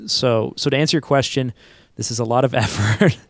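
A man's voice: medium pitch, fairly quick, dry recording, clean studio sound. A man who owns an agency and hosts a podcast, answering in a casual, rambling way with frequent restarts and easy laughs. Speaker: agency owner and podcast host. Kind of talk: casual conversational interview answers.

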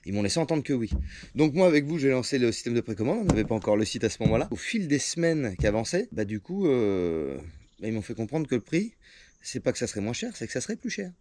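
A man's voice: mid-range voice, sing-song, quick pace, a little mellow, slight background noise. A young man who is a self-employed truck driver, hosting a casual Q&A vlog in slangy speech full of swearing, fillers and restarts.

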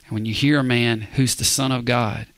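A male pastor preaching a verse-by-verse sermon, emphatic, often asking the congregation "Amen?" and dropping to a hushed whisper for emphasis. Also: mid-range voice, fairly even intonation, fairly quick, dry recording.

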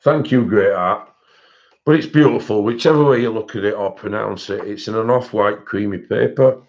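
A man's voice: lowish voice, moderate pace, darkish tone, dull audio. A man hosting a live-stream coloring-supply haul, rambling and chatting with viewers in their comments. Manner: chatty and rambling, with frequent fillers and self-corrections. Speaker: coloring book channel host.

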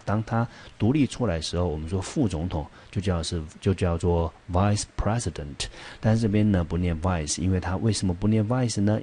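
A man with a low, husky voice teaches an English vocabulary lesson. He patiently walks through English example sentences and keeps asking the class rhetorical questions to check they follow. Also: warm tone. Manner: mixes English example sentences into Mandarin explanation.

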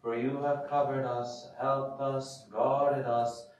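A clergyman slowly chanting a liturgical thanksgiving prayer, his phrases ending in sung notes, in a church sanctuary. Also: medium pitch, little pitch movement, darkish tone. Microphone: distant room mic. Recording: very echoey church from far off.

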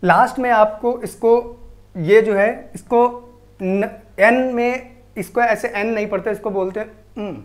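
A woman teaching a language lesson, reading syllables one by one in a slow, deliberate drill on borrowed words. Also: on the high side. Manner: slow, deliberate, repeats each syllable clearly. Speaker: Japanese teacher.

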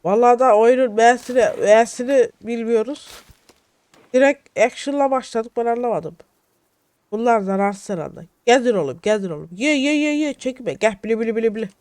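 Excitable high-voiced young man gaming. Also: moderate pace, smooth, no echo. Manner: excitable, shouting at game companions, jittery. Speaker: gaming YouTuber. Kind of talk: solo let's-play commentary.

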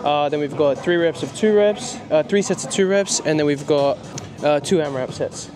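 A young man hosting a gym vlog, giving a brisk, plain rundown of the workout. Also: a little high, music in the background. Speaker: vlog host. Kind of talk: casual vlog narration.

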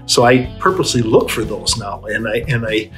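A man's voice: on the low side, lively intonation, moderate pace, fairly bright tone, faint music behind. Older man chatting to a webcam. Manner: conversational, restarts and clears his throat. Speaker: fishing show host. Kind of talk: casual to-camera introduction. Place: indoors in a small room.

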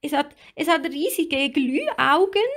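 A woman voicing a frightened little girl mermaid in a storybook reading, speaking high, trembling and sobbing. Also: expressive, slow pace, a bit bright, exaggerated voice.

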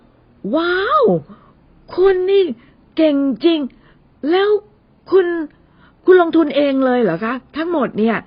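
A woman voicing a sharp-tongued young female secretary who talks in a nasal, sarcastic, teasing way. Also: sits high, big pitch swings, slow pace, long pauses, lo-fi sound, pitched above the performer's own voice, full character voice. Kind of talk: audio novel character voice.

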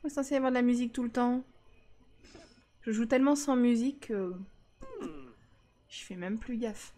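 A woman's voice: on the high side, normal speed, warm tone, slight background noise. A woman streaming a life-sim game, chatting casually and teasing her viewers. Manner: chatty, teasing, talks back to chat.

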